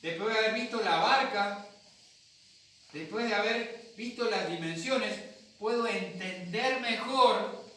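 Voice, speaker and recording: Male Argentine pastor, lively storyteller sermon, high voice, recorded from afar in an echoey hall. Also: takes it slowly. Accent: Argentine Spanish. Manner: storytelling, acts out voices, talks with the congregation. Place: church hall. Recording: echoey hall from a distant mic.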